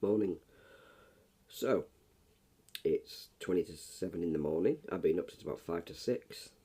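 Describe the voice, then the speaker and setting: A middle-aged man, hoarse and coughing after just waking up, giving a rambling, blunt, swearing early-morning rant. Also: deep voice, expressive, normal speed, mellow. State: hoarse, coughing, frog in throat. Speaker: YouTuber.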